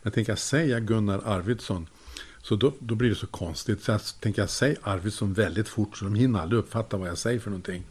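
Older man with a low voice for a casual anecdote, chuckling and acting out quoted voices. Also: darkish tone, husky. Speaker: storyteller.

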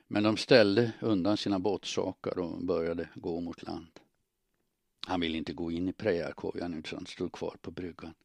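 A man narrating an audiobook in a calm, steady storytelling manner. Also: low voice, vocal fry, no room sound.

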